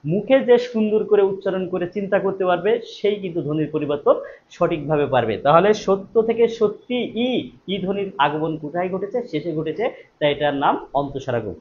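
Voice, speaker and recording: A man's voice: high-pitched, brisk. A man teaching a live online exam-prep class, repeating each question and then answering it himself, stressing key words. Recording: dull lo-fi stream audio with faint noise.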